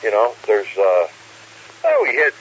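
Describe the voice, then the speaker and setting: A man's voice: lowish voice, wildly swooping pitch, unhurried, gravelly, fairly bright tone. A man with a folksy, joking way of talking, casually hosting an amateur radio net as net control, over a radio transmission with static. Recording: hissy, muffled radio with static.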